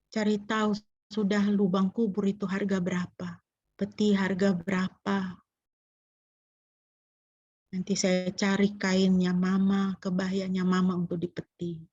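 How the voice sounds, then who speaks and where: A woman's voice: medium pitch, darkish tone, no room sound, muffled recording. A middle-aged woman pastor from Indonesia preaching a sermon, telling a personal story and acting out the voices of people she quotes. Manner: storytelling, acting out quoted speech, emotional emphasis.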